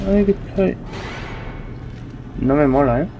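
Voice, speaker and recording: A young man with a Spain Spanish accent commentating a horror game, swearing often and shouting at the enemies. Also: fairly high pitch, lively intonation, slow pace, lo-fi sound, faint music behind. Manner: swears a lot, yells at enemies. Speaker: gameplay commentator. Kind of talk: let's play commentary.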